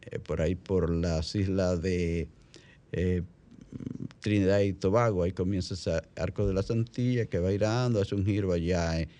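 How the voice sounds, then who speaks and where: A man with a Dominican Caribbean Spanish accent hosting a radio talk show in an unscripted way, halting and repeating phrases as he explains. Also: sits low, dark tone.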